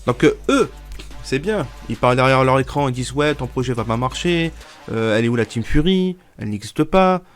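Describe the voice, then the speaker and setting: A stuffy-nosed YouTuber in his twenties speaks a little fast in a lively, mid-range voice, with faint music in the background. He addresses his viewers casually, rambling on with lots of fillers and restarts.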